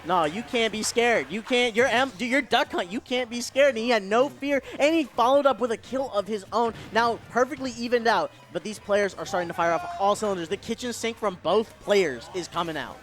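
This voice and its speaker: A man giving live color commentary on a fighting-game match, steady and analytical with emphatic points. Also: sits high, brisk, few pauses, faint music behind. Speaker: esports co-commentator.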